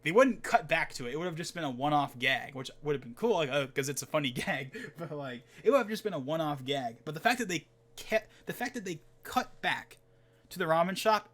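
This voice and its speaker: A man's voice: fairly high pitch, lively intonation, fairly quick, fairly bright tone. A young man hosting a gaming podcast, rambling casually with many fillers and laughs. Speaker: podcast host.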